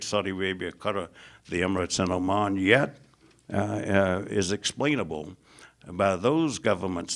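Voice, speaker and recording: A low-pitched American man with a gravelly edge delivers a public lecture. He builds emphatic lists, climbing in pitch as he drives a point home, and pads his phrasing with "uh" fillers. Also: fairly bright tone. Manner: frequent "uh" fillers. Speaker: foreign policy lecturer.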